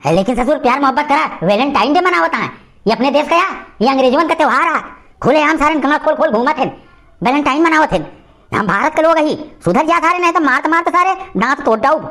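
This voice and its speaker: A woman voicing an angry old male village uncle in an animated cartoon comedy, ranting and scolding in an Awadhi accent. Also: high-pitched, fast talker. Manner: loud scolding, cursing rant.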